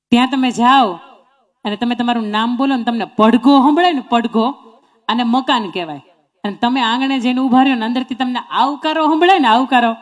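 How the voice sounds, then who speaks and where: Woman giving a motivational talk. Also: a little high. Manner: storytelling, quizzes the audience with questions. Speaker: motivational speaker. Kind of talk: motivational speech to an audience.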